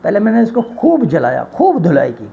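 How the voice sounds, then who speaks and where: A man's voice: high-pitched, wildly swooping pitch, creaky, mellow, dull audio. A man, a spiritual healer, earnestly retelling a story about his healing work in a religious talk. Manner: earnest, swearing by God, retelling a dialogue.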